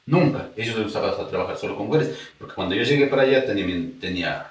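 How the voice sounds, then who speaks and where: A man from Ecuador with an Ecuadorian highland Spanish accent, a podcast guest telling his life story in a casual, animated way and acting out remembered dialogue. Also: racing. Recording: echoey room, distant mic.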